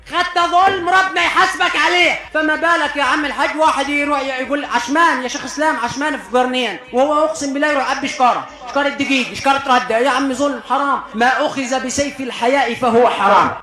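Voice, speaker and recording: Shouting Egyptian preacher, very high-pitched. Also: male voice, fast, few pauses. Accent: Egyptian Arabic. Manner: fiery, gesturing, shouting. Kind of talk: shouted wedding sermon. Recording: echoey room.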